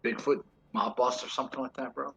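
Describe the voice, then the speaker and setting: A man's voice: medium pitch, fairly even intonation, fairly quick, vocal fry, fairly bright tone, husky, poor audio. A man playing in a tabletop game, chatting casually with lots of slang. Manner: casual, slangy, says "bro". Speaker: player. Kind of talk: casual chat.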